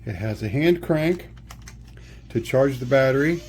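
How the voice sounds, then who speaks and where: A man with a darkish, medium-pitched voice talks at a measured pace, expressive throughout. As a product reviewer, he gives a relaxed step-by-step demonstration in plain words, with faint background noise and room sound around him.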